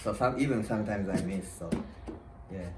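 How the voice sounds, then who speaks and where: A man's voice: lowish voice, moderate pace. A man with a non-native English accent chatting casually as a guest rider, in short broken phrases with simple grammar. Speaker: guest freestyle motocross rider. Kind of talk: casual unscripted chat. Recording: distant echoey sound, clear noise, clicks.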